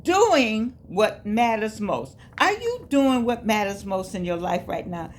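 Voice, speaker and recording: Her pitch sits in the middle but swings widely, and she speaks slowly. She's a woman in her 80s who vlogs as a life coach, offering a casual, folksy, preachy motivational talk to camera, full of repeated phrases and calls of "baby."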